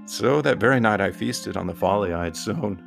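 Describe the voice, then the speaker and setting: Gravelly-voiced man reciting comic verse. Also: on the low side, normal speed, faint music behind. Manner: rhythmic, dry recitation. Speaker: poet and podcast narrator.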